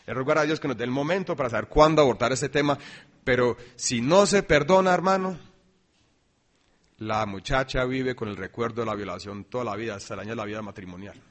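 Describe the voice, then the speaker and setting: A man preaching a sermon, swinging between loud emphasis and quiet asides. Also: medium pitch, brisk. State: dry throat, coughing.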